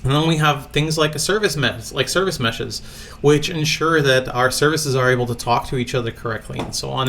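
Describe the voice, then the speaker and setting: A man's voice: mid-range voice, creaky, fairly bright tone, a little hiss or hum. A man from Latvia presenting a recorded conference talk from a home office, speaking casually with many fillers.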